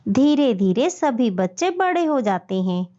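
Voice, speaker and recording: A woman's voice: a little high, very animated, a little slow, dark tone. A woman narrating a scripted children's story as a storyteller. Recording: dull lo-fi audio.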